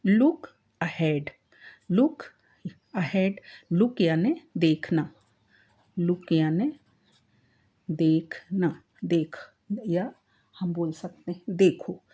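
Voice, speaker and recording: A woman teaching a spoken-English lesson at a very slow, deliberate pace, her voice low and mellow. She calls out each English phrase with extra force, then repeats it and explains its meaning step by step. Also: expressive, husky, dull audio.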